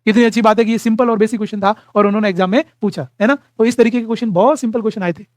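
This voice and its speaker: A man's voice: high-pitched, fairly even intonation, rapid-fire, no echo, clean studio sound. A male nursing exam teacher gives a classroom lecture, calls his students "beta", keeps saying "remember this" and quizzes them with rhetorical questions. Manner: addresses students as "beta", repeats "dhyan rakhna".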